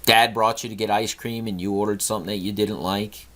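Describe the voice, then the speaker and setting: A middle-aged podcast host delivers a storytelling monologue in a lowish, slightly bright voice with fairly even intonation and a somewhat quick pace. He earnestly recounts a conversation with his son and lectures about gratitude.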